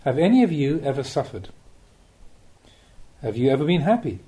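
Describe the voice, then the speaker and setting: His voice a little high, warm and very animated, a male Buddhist monk records a scripted spiritual teaching as an audiobook. He speaks in a deliberate, measured way and asks rhetorical questions.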